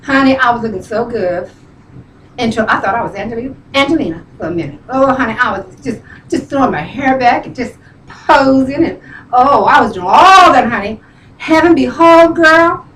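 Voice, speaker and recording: A middle-aged woman spins a comic, heartfelt story in a high voice, chatty and tearful, and full of "honey" and "girl". She sounds a little distant from the mic. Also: animated, moderate pace, fairly bright tone, slight background noise. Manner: chatty, tearful, keeps saying "you know", "honey" and "girl".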